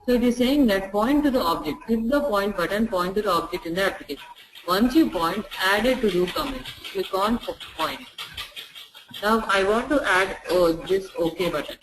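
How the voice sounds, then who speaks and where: A software testing instructor walks through a screen-share tutorial, repeating each step slowly so it is clear. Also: mid-range voice, expressive, noisy background. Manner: repeats phrases slowly for clarity.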